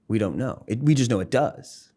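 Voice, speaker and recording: A man, a psychology professor and musician, explaining ideas in a relaxed interview, thoughtful, with frequent fillers and restarts. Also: medium pitch, moderate pace. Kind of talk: casual explanatory interview talk.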